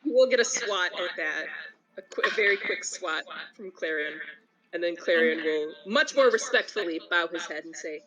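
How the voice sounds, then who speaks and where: A woman's voice: fairly low pitch, expressive, moderate pace, dull audio, a crowd in the background. A woman playing a tabletop role-playing game, chatting and narrating her character casually.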